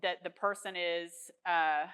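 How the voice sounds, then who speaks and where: A woman's voice: on the low side, steady tone, unhurried, fairly bright tone, smooth, low-quality recording. A woman hosting a discussion on caregiving, reflective and summarizing what the guest says. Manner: reflective, summarizes and clarifies points. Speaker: host. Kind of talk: casual panel discussion.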